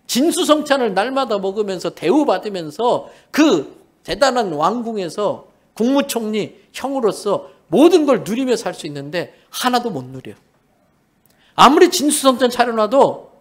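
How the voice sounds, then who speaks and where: A pastor with a Busan accent preaches in a church, his voice pitched high for a man. He moves between soft, low asides and loud, emphatic calls, slowing down to read scripture before explaining it plainly. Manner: reads scripture aloud slowly, then explains it in plain talk. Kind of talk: sermon. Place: church sanctuary.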